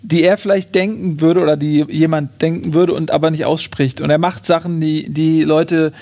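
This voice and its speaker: Man presenting a book, high-pitched voice. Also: little pitch movement, normal speed, a little mellow, dry recording, studio quality. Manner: hesitant, many fillers. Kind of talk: casual book talk and reading aloud.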